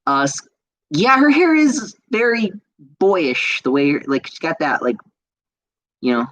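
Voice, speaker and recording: Reading viewer comments on his podcast, a young host chats casually, enthusiastic and rambling, with many fillers and restarts. His slightly bright, high-leaning voice swoops wildly in pitch at a measured pace. The low-quality recording has no room sound.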